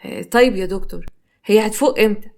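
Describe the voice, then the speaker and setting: A woman's voice: medium pitch, racing, mellow, close to an everyday voice. A woman playing a gloating, menacing husband. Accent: Egyptian Arabic. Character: domineering gloating husband, middle-aged man.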